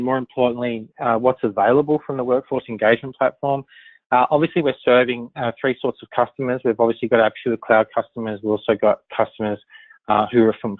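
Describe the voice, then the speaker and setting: A man presenting in a business webinar in a steady way, often leaning on fillers like "obviously". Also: mid-range voice, dry recording. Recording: dry, tinny phone-line audio.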